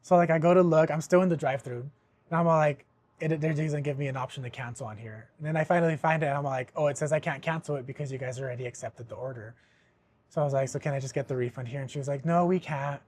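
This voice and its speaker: A young man hosting a podcast, telling a story in casual chat, animated and swearing often, with laughs mixed in. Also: on the high side, fast talker, no echo. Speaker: podcast host.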